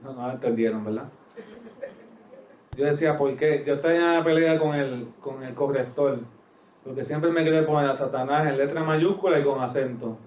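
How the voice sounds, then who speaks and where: A male pastor with a Puerto Rican accent preaching a sermon, booming in one phrase and dropping to quiet asides in the next, stretching out the scripture he reads. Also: slight background noise. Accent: Puerto Rican Spanish. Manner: drawn-out emphatic scripture reading. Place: church sanctuary. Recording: roomy, distant, dull church audio.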